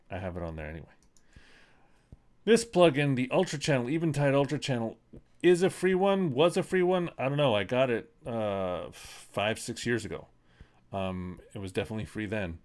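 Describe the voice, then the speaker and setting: This musician, a middle-aged man in his home studio, demonstrates his vocal mixing in an informal screen recording. His voice is lowish, darkish, clear and resonant. The talk is loose and wandering, peppered with ums and uhs and self-deprecating remarks.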